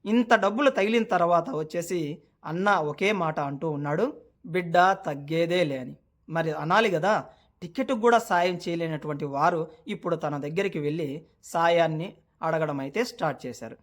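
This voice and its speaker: A man's voice: on the high side, fairly quick. A man vlogging in a casual, chatty way, retelling a news story and calling his viewers brother, with lots of filler words.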